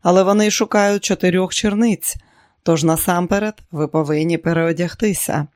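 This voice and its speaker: A gentle middle-aged monk with a quiet, kindly voice, as a male narrator plays him. The tone sits a little high and calm. The reading is dry and close. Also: normal speed, dry recording, lightly acted. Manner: quiet and kind.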